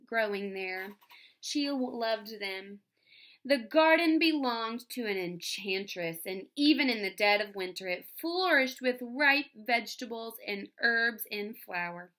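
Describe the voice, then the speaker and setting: A woman's voice: a little high, sharp tone. A woman teacher reading a fairy tale aloud to young children, stopping to explain words and ask the class questions. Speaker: first-grade teacher.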